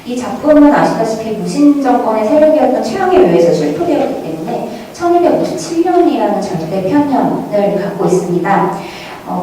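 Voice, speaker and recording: A woman whose voice is mellow and on the high side gives a formal prepared academic presentation at a museum conference. The recording, made at a distance, carries heavy echo from the large indoor hall and a faint noise.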